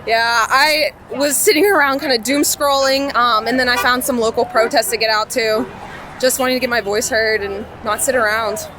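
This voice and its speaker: A woman's voice: a little high, steady tone, normal speed, background noise. A woman in her twenties, a protester, answering earnestly in a street interview. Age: 20s. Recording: loud crowd and music outdoors.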